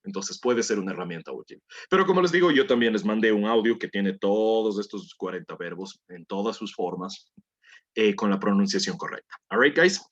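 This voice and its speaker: A man's voice: on the low side, expressive, a little fast, lo-fi sound. A man teaching a language class, patiently coaxing students through pronunciation drills and repeating words for them to copy. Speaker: English teacher.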